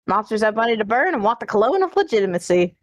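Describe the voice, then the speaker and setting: A woman's voice: a little high, very animated, moderate pace, no room sound, dull audio. A woman voicing a smug, worldly lawyer to the rich and infamous in a fan dub, wry and flippant. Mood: smug, teasing. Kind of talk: fan dub character acting.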